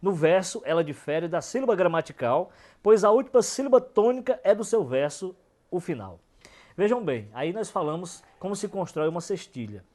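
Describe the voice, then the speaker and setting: A man, a cordel poet explaining verse form in an emphatic documentary lecture, slowing down to stress syllables. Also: high voice, sing-song, darkish tone. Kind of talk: documentary lecture on folk poetry.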